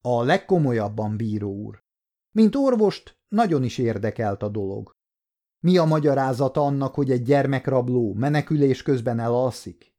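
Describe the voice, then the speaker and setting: A man's voice: mid-range voice, animated, warm tone, lightly acted. A man voicing an earnest male police doctor giving testimony in court in an audiobook story.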